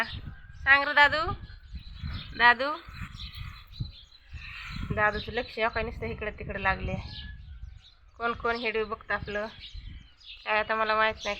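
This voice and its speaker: A woman's voice: mid-range voice, noisy background. A woman chatting casually to camera for her vlog, coaxing a small child in a sing-song voice. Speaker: vlogger.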